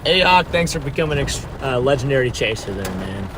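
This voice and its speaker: A man's voice: mid-range voice, big pitch swings, normal speed. Man live storm chasing, noisy vehicle background. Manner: informal, urgent watchful narration, repeating himself. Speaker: storm chaser livestreamer. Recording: clear vehicle and ambient noise. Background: vehicle and outdoor ambient noise.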